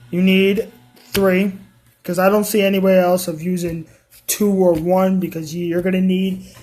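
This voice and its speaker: A man's voice: high-pitched, a little mellow. A tired man casually talking through a card game deck, hesitant and stumbling, often restarting his sentences. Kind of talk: casual deck profile talk.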